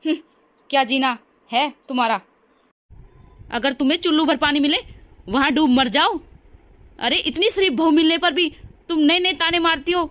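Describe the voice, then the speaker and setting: A woman's voice: high voice, normal speed, pauses often, a bit bright. A woman voicing an outspoken young daughter-in-law in a cartoon story. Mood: indignant.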